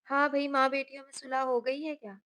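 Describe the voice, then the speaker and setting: A woman's voice: high-pitched, level tone, fairly quick, fairly bright tone. A woman voicing a teasing young husband. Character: young married man, teasing and playful.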